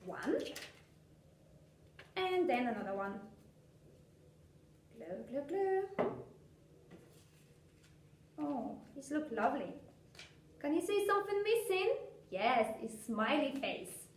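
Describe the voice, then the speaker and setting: A woman with presents a craft for small children like a bright children's entertainer. Her pitch swings widely in a sing-song, encouraging way. She is picked up from a distance in a room with some background noise. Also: big pitch swings, unhurried, long pauses, reverberant. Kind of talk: step-by-step craft demonstration for young children. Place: indoor craft room, seated at a table.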